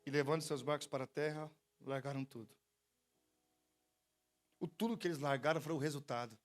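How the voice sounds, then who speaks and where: A pastor with a Brazilian Portuguese accent preaches at a church service in a slightly high, fairly quick voice, spinning stories with jokes. He gets the congregation to repeat after him in lively call-and-response, with faint music behind him.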